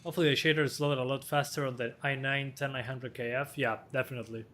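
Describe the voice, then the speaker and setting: A man in his twenties, slightly hoarse, casually answering viewer questions on a live stream as a hardware tester with quick chuckles. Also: mid-range voice, flat delivery, sharp tone, a little hiss or hum. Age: 20s.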